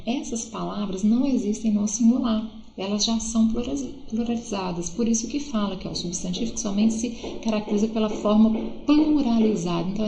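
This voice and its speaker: A Brazilian woman teacher with a Brazilian Portuguese accent, explaining grammar at an unhurried classroom pace. Her voice is mellow and warm, and she keeps checking in with her students as she goes. The room has a noticeable echo. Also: mid-range voice, vocal fry. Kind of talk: recorded grammar lesson.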